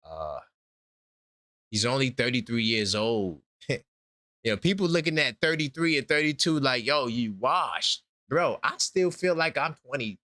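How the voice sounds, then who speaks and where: A man's voice: medium pitch, measured pace, bright, forceful tone, no echo, studio quality. A man in his forties hosting a sports talk show, emphatic and repeating his points. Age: 40s. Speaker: host.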